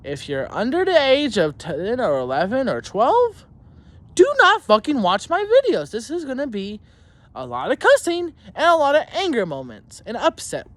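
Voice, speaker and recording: An extremely high male voice with wildly swooping pitch and a moderate pace comes from a young student ranting to camera. Telling a school story about his teachers, he rambles, swears heavily and restarts sentences, angry, indignant and mocking in tone.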